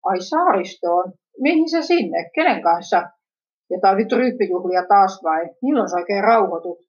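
A woman's voice: medium pitch, highs cut off, close to an everyday voice. A woman voicing a teasing, prying sister. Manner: teasing, suspicious questioning.

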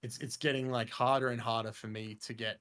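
A man's voice: medium pitch, little pitch movement, a little fast, a bit bright. A young man co-hosting a gaming podcast, talking casually and enthusiastically in long, rambling sentences. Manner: enthusiastic, rambling, says "freaking" and "mate" a lot. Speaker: podcast co-host. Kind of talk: casual chat.

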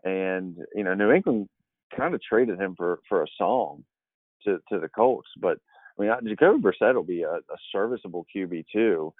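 Man, very low voice, rambling casual podcast chat, tinny phone-like sound. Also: expressive, moderate pace, no room sound. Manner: rambling, many fillers and restarts. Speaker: fantasy football podcast analyst. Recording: dry, tinny phone-like line.

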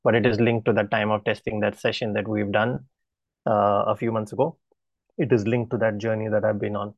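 Male preacher, mid-low gravelly voice; earnest, halting testimony; dull lo-fi sound. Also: little pitch movement, dry recording. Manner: earnest, halting storytelling with restarts. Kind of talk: personal testimony in a sermon.

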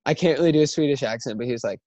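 A young man chats as a podcast guest in a voice of ordinary pitch. His sound is dry and close, with no room around it. He rambles and fills his sentences with "like". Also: very fast, a little mellow, no room sound, lo-fi sound. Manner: rambling, heavy use of filler "like". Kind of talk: casual podcast chat.

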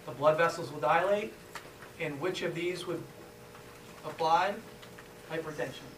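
A man's voice: a little high, fairly bright tone, recorded from a distance. A man teaching a pharmacology class, asking the students questions and then answering them himself. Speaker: pharmacology lecturer. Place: lecture room. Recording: echoey room, voice from afar, faint hiss.

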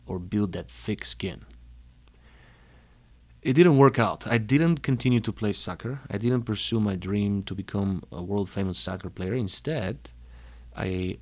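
Young Bulgarian-accented man, emphatic personal talk, lowish voice. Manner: energetic, emphatic, lists words one by one. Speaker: speaker telling his life story.

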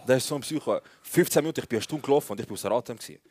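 A young man with a Swiss German accent, co-hosting a live comedy podcast and telling slangy, animated anecdotes full of acted-out dialogue. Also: medium pitch, racing. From Switzerland. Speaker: podcast co-host.

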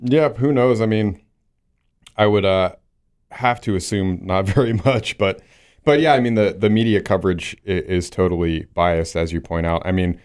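A man's voice: low voice, darkish tone, clean tone. A man co-hosting a podcast who chats casually about politics and agrees readily. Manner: agreeable, quick backchannels. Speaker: podcast co-host.

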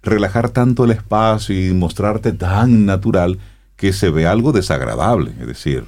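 A man hosting a radio talk show, his low voice rising and falling a great deal. He tosses in comments and questions with animated energy. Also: normal speed. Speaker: radio host.

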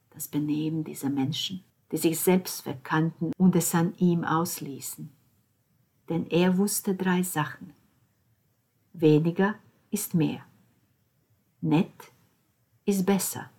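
Woman audiobook narrator, low-pitched, husky, measured and hushed. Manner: calm and measured, dropping to near whispers.

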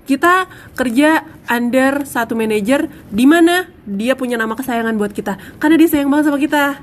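A woman's voice: sits high, moderate pace. A young woman hosting a podcast in casual, chatty banter with friends. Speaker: podcast host, former radio announcer.

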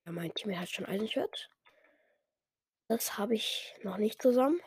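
A woman's voice: mid-range voice, lively intonation, normal speed, a little mellow, husky. A woman giving casual, self-mocking commentary while playing a game, muttering some lines under her breath. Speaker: gamer.

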